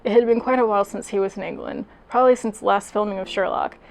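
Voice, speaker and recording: A woman's voice: mid-range voice, fairly even intonation, quick pace, vocal fry, darkish tone, rough recording. A young adult woman doing a comedic reading of fanfiction, self-deprecating, sweary and exasperated as she reads aloud. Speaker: YouTuber.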